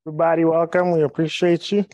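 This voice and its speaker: A man in his thirties stands on stage in an event room, giving an upbeat, joking sales presentation to a live audience through a handheld mic and sharing personal stories. His voice has a fairly high pitch and darkish tone, and he talks fast with a flat delivery. There is no echo.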